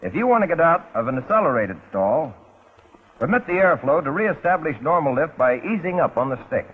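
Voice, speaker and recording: An American man narrates a 1940s instructional film in a scripted, teaching style seasoned with folksy, wry touches. His voice is fairly high, sing-song, slightly rough, and a little fast. The soundtrack is muffled and phone-like.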